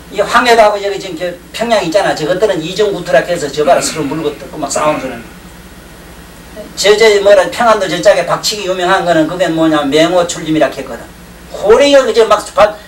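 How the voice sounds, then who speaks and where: Rambling lecturer, taped far off. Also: male voice, sits high, quick pace. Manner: rambling, joking, often checks in with the class. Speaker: lecturer on Chinese classics. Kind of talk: classroom lecture. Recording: roomy 1990s lecture tape, distant mic, faint hiss.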